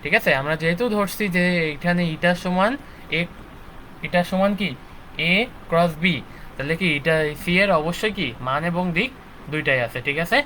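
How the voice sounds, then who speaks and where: A man's voice: high-pitched, normal speed, sharp tone, slight background noise, poor audio. A young man teaching a live online physics lecture, checking in with his students after nearly every point. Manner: checks in constantly with "ঠিক আছে?" and "okay". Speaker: physics instructor.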